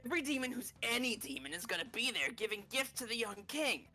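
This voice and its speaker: Woman playing boisterous scheming demon, wildly animated. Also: a little high, fast talker, faint music behind. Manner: dramatic, exclamatory. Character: boisterous, scheming demon eager to impress and betray.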